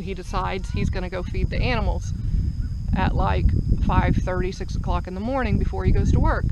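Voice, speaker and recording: A woman's voice: medium pitch, muffled recording. A mother and homesteader telling a long story to camera outdoors, rambling and correcting herself as she goes. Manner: rambling, animated, self-correcting. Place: outdoors on a rural farm. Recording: noisy outdoor farm recording.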